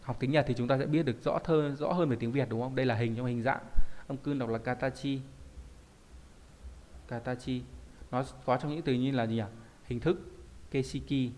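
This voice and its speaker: A man's voice: mid-range voice, steady tone, fairly quick, a little mellow, a little hiss or hum. A man teaching a Japanese kanji lesson, explaining in a conversational way and often asking rhetorical check questions.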